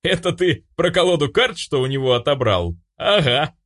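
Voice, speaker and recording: Male reader doing a teasing demon, sly and smirking, lively. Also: fairly high pitch, moderate pace, voice pushed up. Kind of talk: audiobook character voice.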